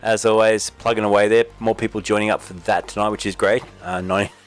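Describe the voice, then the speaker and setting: Wrapping up a sim racing broadcast, an Australian host runs through his sponsor plugs in a relaxed, casual post-race chat. He talks quickly in a lowish voice with little pitch movement.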